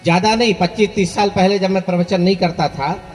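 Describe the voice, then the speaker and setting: A man's voice: sits high, steady tone, fairly quick, big-room sound. A male preacher telling folksy stories to his listeners in a sermon, speaking to them directly and leading call-and-response. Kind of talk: sermon storytelling.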